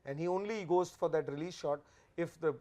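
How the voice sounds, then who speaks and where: A man's voice: fairly high pitch, fairly quick, dark tone. A man giving studio match analysis as a cricket pundit, emphatic and opinionated.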